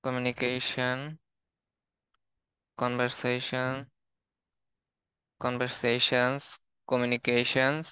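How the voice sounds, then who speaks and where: Man slowly listing English words, flat delivery. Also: mid-range voice, smooth, no room sound. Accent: Bangladeshi. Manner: steady, listing words one by one. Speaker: English teacher. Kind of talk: reading out a word list in a lesson.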